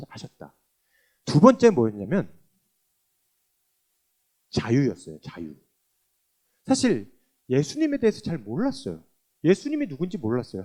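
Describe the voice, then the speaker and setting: A man, a church deacon, giving a testimony and acting out remembered exchanges as he tells his story. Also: a little high. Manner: animated, acts out remembered exchanges.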